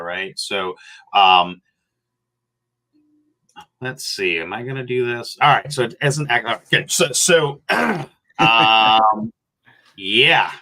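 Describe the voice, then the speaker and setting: A man's voice: on the low side, bright, forceful tone. A man hosting a live webcast, chatty and rambling with many fillers. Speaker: show host. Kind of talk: casual live webcast chat.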